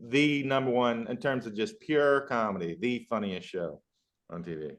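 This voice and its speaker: A man's voice: medium pitch, moderate pace. A male podcast host with a mid-range voice in casual chat. He asks long, rambling questions with plenty of enthusiasm and stops to restart his thoughts.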